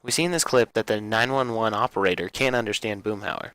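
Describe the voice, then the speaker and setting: A man's voice: lowish voice, brisk, over music, poor audio. A young man presenting a class video essay, reading aloud plainly with small slips and fillers. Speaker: student presenter.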